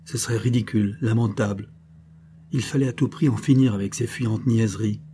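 A man narrating a novel in an audiobook with measured, literary storytelling. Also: lowish voice, steady tone, mellow, slight background noise.

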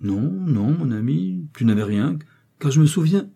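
A man's voice: fairly high pitch, expressive, unhurried, creaky, mellow, slightly rough, voice pushed up, exaggerated voice. A man voicing Minnie, a fretful older wife. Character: anxious elderly woman, scientist's wife.

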